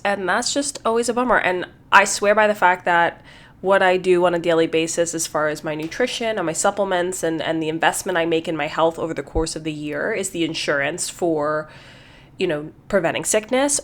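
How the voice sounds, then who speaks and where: A woman hosting her own podcast in casual solo talk, a little congested, chatty and repeating words as she thinks. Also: lowish voice. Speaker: podcast host.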